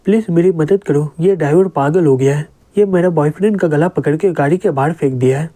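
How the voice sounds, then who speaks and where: A scheming young woman who sweet-talks and then snaps, as a man voices her. The voice stays a little high and soft in tone. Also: a little fast, lightly acted. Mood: pleading.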